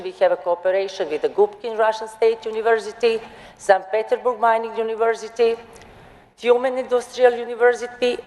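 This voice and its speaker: Woman presenting slowly in a large hall. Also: mid-range voice, darkish tone. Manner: slow, deliberate delivery with non-native grammar. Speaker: panel speaker. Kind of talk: conference presentation. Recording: hall reverb.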